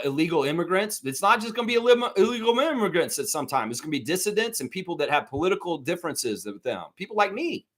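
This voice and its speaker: A man's voice: fairly high pitch, fairly bright tone. Heated, swearing man ranting on a stream. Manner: profane, heated, repetitive ranting; addresses viewers directly. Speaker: sports stream host. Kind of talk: live sports talk rant.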